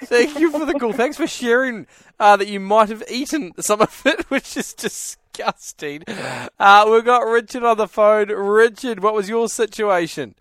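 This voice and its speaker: A man's voice: high-pitched, a little slow, fairly bright tone, dry recording, clean studio sound. A man hosting a radio talk show, chatty and laughing along with callers. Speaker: radio host. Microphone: studio microphone.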